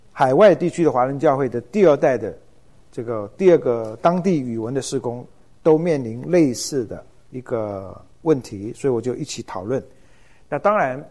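A middle-aged man teaches in a relaxed, unhurried lecture. His voice is mellow and warm, and he often pauses with hesitation fillers as he thinks aloud. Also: medium pitch. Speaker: church ministry lecturer. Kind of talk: informal lecture.

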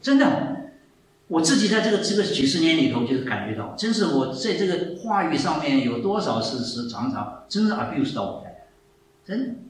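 A man in his seventies preaching a sermon, telling stories with lively, repeated phrases. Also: on the high side, brisk, a little hiss or hum. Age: 70s. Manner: animated storytelling, repeats phrases. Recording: echoey hall, mic far off, faint ambience.

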